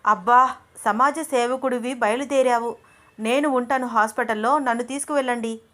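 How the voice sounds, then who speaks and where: A woman voicing a jealous, quick-tempered young woman in love, speaking sharply in a raised voice in a storybook reading. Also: natural voice. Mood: jealous angry. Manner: sharp, indignant, raised pitch.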